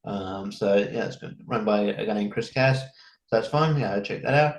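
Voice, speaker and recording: A man, a comedian guest chatting casually on a podcast in a halting, rambling way with many restarts. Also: lowish voice. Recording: roomy echo.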